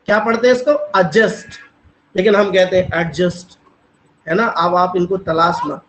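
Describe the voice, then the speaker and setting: A man from India teaches an online English grammar lesson over a class call, speaking a little fast in a high-pitched voice. He spells words out letter by letter and frequently checks in with his students, and the audio sounds roomy with background noise.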